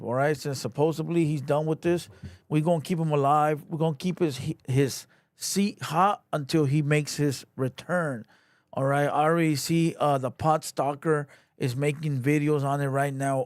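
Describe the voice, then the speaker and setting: A man's voice: on the high side, moderate pace, no room sound. A man casually chatting on his livestream, loose and slangy, with lots of "you know" and "bro". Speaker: livestream host.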